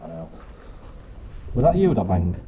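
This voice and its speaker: A man's voice: on the low side, very animated, phone-quality sound. A man exploring abandoned warehouses at night, heard through handheld camera footage, nervous and jumpy. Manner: nervous, jumpy, talking fast and loud when spooked. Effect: heard through handheld camera video footage. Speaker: urban explorer filming. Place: outdoors at night among abandoned warehouses in snow. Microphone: handheld camera mic. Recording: noisy outdoor camera footage.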